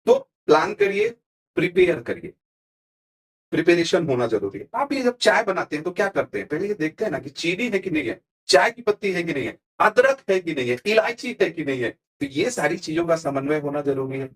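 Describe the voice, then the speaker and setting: A man talking in a podcast interview as a motivational speaker, his voice sitting high and leaping up and down with great liveliness. He hammers each point with emphasis and homely examples, like a seasoned stage coach. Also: fairly quick. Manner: emphatic, animated, uses punchy examples.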